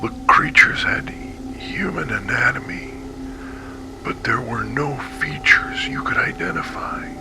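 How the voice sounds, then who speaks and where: In an analog horror story, an actor plays a weak, traumatized male survivor of monstrous captivity, giving slow, halting testimony. His mid-range voice is breathy and whispery, the mood haunted and grim, with music in the background.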